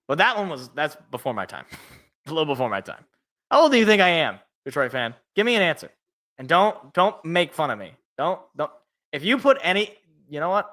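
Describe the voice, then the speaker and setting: A man in his twenties co-hosting a sports podcast's live football reaction stream calls plays and chats with viewers, joking at his own expense. His bright, forceful voice sits slightly high, swings widely in pitch and runs a little fast.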